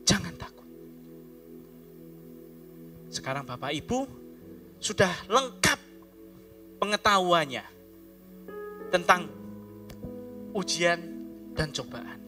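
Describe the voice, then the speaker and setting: A male pastor giving an animated sermon, swinging from loud calls to hushed words. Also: sits high, slow, long pauses, soft background music.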